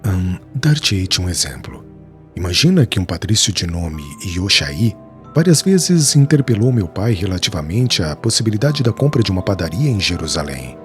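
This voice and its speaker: A man voices an earnest weaver in an audiobook, recounting past suffering in a solemn, measured way with a grave mood. His pitch is low yet lively, and faint music plays softly underneath.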